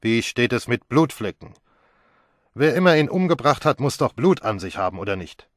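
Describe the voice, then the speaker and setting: A man voicing a brisk middle-aged male police chief who speaks loudly and officially. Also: medium pitch, very animated, no echo, clean studio sound, voice pushed up, lightly acted. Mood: pressing. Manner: loud, firm, official.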